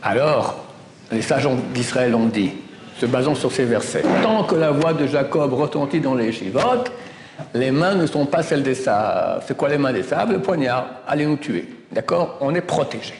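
A man teaching Torah as a sermon, emphatic, with loud exclamations and hushed asides. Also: medium pitch, expressive, normal speed, roomy sound, in a large hall, slight background noise.

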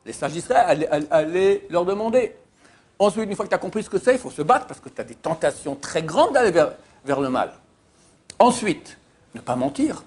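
A man's voice: on the high side, slightly rough. A man giving an informal Torah class, telling anecdotes with emphatic repetitions and many hesitations. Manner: animated storyteller, emphatic repetitions, frequent filler "euh". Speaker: Torah teacher. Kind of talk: informal religious teaching with anecdotes.

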